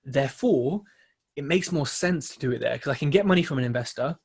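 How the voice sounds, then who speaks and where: A man co-hosting a podcast in casual chat, explaining his reasoning step by step in a measured way with many fillers. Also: medium pitch, animated, gravelly, slightly rough. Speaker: podcast co-host, property investor.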